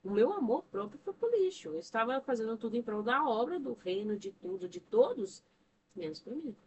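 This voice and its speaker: A Brazilian woman speaks with a fairly high voice, pressing her points with rhetorical questions in a preacher-like cadence. She sits a little back from the mic, and a faint hiss runs under the recording. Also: very animated, normal speed, darkish tone, lo-fi sound. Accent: Brazilian Portuguese. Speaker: podcast guest, church member and counselor. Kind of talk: earnest religious talk on emotional health. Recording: distant mic with faint noise.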